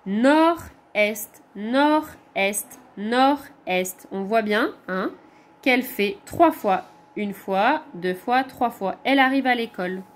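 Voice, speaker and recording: French woman, primary teacher; slow, patient, explains step by step, high voice. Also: lively intonation. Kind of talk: recorded homework correction for pupils.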